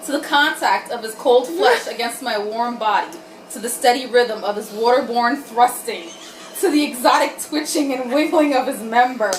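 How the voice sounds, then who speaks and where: This woman's voice sits a little high, and her pace is moderate as she reads erotic fiction aloud to a group she's hosting for laughs. Wine has made her tipsy, so the dramatic reading turns giggly and irreverent, full of joking asides. The audio is roomy and distant, with faint noise behind.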